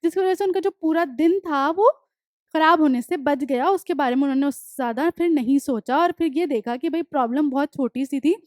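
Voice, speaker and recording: A woman teacher explaining poems in a class lesson. She reads English notes slowly, then explains them in quick speech, often checking with "है ना?". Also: high voice, a little mellow, no echo, studio quality.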